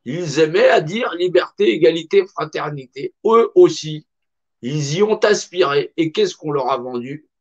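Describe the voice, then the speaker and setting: On a dull, lo-fi recording, a middle-aged man speaks at a measured pace in a rather high, expressive voice. His monologue is impassioned and colloquial, delivered with a slightly raised voice, and he keeps driving home the same phrases emphatically.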